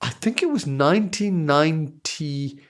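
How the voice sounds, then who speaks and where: A man's voice: on the high side, expressive, normal speed. Fifties man, podcast co-host, amused storyteller, restarts a lot. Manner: rambling, self-amused storyteller with frequent restarts. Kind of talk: casual chat, storytelling.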